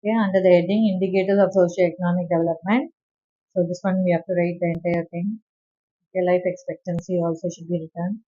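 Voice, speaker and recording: A woman teacher reading a textbook aloud and dictating answer points to her students, with quick asides between passages. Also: fairly low pitch, level tone, warm tone. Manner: reads text aloud, then gives quick asides to students. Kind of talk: classroom lesson dictating notes. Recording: dull lo-fi recording.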